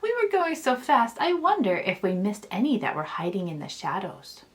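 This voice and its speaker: A children's author reads her own children's story aloud in an expressive storytelling style. Her voice is medium-pitched and she speaks at a normal speed.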